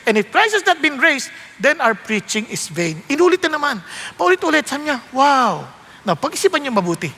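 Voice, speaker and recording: A male pastor with a Filipino accent preaches a sermon, switching between Tagalog and English and jumping up high for emphasis. His tone is sharp and the sound is that of a big room.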